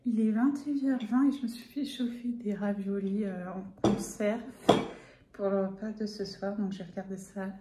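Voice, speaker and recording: A young woman from the Paris area, a student vlogging her week in a casual, rambling way, pausing often with fillers. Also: mid-range voice, steady tone, reverberant, very noisy. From Paris area, France. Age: young adult. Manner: chatty, rambling, hesitant with frequent fillers. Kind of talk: casual vlog narration.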